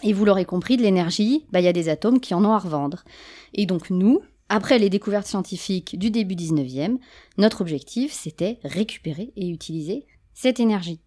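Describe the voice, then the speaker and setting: A woman's voice: mid-range voice, lively intonation, a little fast, mellow. Playful woman giving a science talk. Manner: playful, jokey asides to the audience. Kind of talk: humorous popular science talk.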